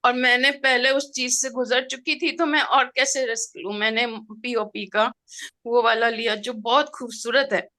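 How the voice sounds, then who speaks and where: Middle-aged woman, higher voice, bright tone, heartfelt storytelling, expressive. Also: measured pace. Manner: expressive, heartfelt, mixes in English words. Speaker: participant sharing a personal experience. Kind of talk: emotional personal storytelling.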